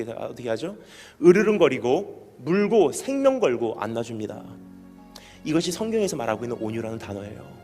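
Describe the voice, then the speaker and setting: Male pastor, lively sermon delivery with wide swings in pitch, reverberant sanctuary, soft music underneath. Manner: animated, asks the congregation questions, acts out stories. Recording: reverberant hall with background music.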